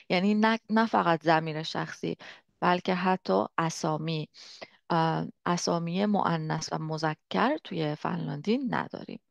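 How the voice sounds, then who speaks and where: Woman teaching, low gravelly voice. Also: dry recording. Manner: patient, demonstrates sounds slowly and repeats them. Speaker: language teacher. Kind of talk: explanatory language lesson. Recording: dull, dry lo-fi recording.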